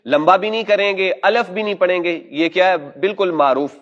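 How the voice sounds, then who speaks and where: Man, recitation teacher, patient, demonstrates letters slowly, high voice, dull lo-fi recording. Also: fairly bright tone. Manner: patient, demonstrates each sound slowly and has it repeated. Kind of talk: classroom instruction.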